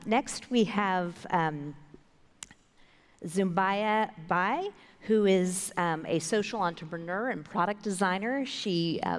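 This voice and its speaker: A woman in her thirties moderating a conference panel, introducing the guests in a measured way with many fillers. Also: on the low side. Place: large conference stage with long reverb. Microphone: headset mic. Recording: reverberant large hall.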